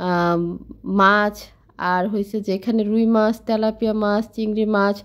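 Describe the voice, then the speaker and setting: A woman's voice: medium pitch, fairly even intonation, normal speed, smooth, highs cut off. A woman narrating a casual home vlog from her kitchen, chatting directly to her viewers. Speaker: vlogger.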